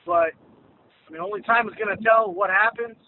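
A man's voice: sits high, normal speed. A man calling in to a radio show over the phone, talking in an upbeat, rambling way. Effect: phone-line caller voice. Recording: tinny phone line with faint noise.

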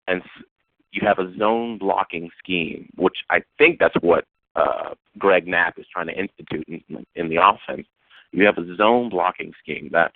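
A man's voice: low-pitched, no echo. A man from Houston calling in to a radio show over the phone, sighing and rambling as he laments his team. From Houston, Texas. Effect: call-in phone line. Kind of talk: casual call-in talk. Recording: tinny phone line.

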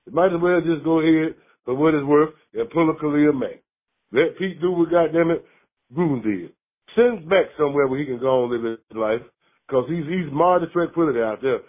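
A man's voice: a little high, fairly quick. A man from Mississippi, calling in to a sports show and ranting angrily, swearing hard. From Mississippi, USA. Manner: angry, profane, fired-up ranting. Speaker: caller. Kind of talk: call-in sports rant. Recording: phone line.

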